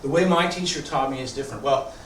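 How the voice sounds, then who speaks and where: A man teaching tai chi informally, thinking aloud haltingly as he demonstrates, with a congested throat. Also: mid-range voice, fairly bright tone. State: throat congested, often clearing it. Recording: echoey room, distant mic, background noise.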